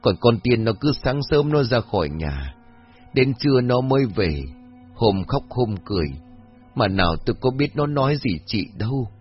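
A man's voice: medium pitch, very animated, normal speed, close to an everyday voice. A man voicing a frail, bedridden old mother who speaks in a faint, whispery plea. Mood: weak pleading. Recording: dull lo-fi audio with faint music.

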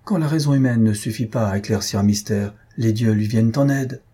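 A man voicing a stern Brahmin high priest. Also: fairly quick, mellow, breathy edge. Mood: commanding. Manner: solemn, commanding.

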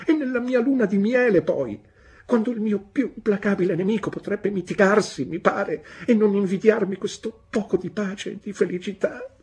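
A woman reader voicing a fretful, capricious young mother with a shrill, pleading voice, in an audiobook. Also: normal speed, a little mellow, breathy edge. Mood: shrill hysterics.

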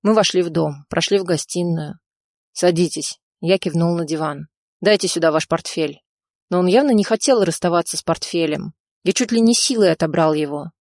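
A woman reading a first-person audiobook in an even, steady storytelling manner. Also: on the low side, a little fast, no echo, studio quality. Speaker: audiobook reader.

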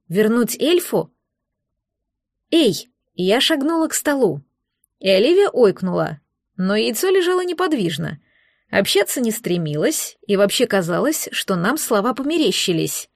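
A woman narrating a first-person fantasy novel in a lively, expressive reading. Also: on the high side, no room sound, studio quality. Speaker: audiobook reader.

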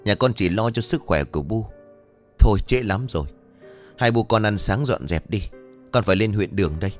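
A man doing a hurried young husband. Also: lowish voice, expressive, faint music behind, lightly acted. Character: young husband in a hurry, mild.

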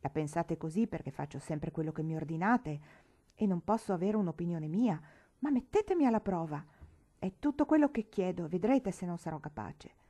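A woman's voice: lowish voice, animated, normal speed, mellow. A woman doing an eager, pleading eighteen-year-old girl. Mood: earnest pleading. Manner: earnest, insistent.

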